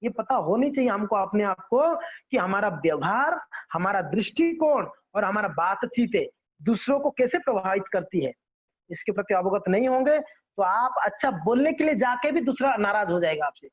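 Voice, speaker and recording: Guy w a high voice teaching a devotional class, chatty, keeps checking u follow, muffled lo-fi sound. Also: big pitch swings, normal speed, husky. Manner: conversational teaching with frequent check-ins and acted examples. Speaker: devotional lecturer. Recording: dull lo-fi recording.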